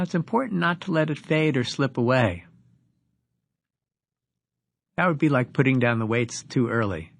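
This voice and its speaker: A man with a mid-range voice leads a guided meditation as a teacher. He gives instructions with deliberate pauses between phrases, and the recording is dry.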